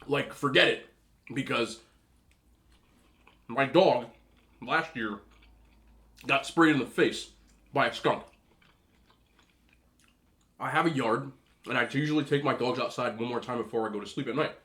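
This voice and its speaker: A man's voice: medium pitch, a little slow, pauses often, a bit bright. Casual man telling stories over a meal. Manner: eating between phrases. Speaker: host of a mukbang video. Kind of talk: casual rambling storytelling while eating.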